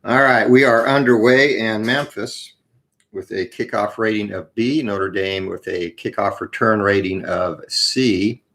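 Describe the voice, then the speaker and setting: A man hosting a tabletop college football game, explaining rolls and play results with frequent pauses and a morning voice. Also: on the low side, fairly bright tone, low-quality recording. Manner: explains rules and dice rolls, many "uh" pauses. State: morning voice, clears throat.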